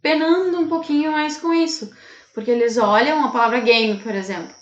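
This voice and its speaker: A woman's voice: a little high, brisk, roomy sound, dull audio. A woman from Brazil, an English teacher co-hosting, explaining patiently and often checking in with listeners. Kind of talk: casual classroom-style chat.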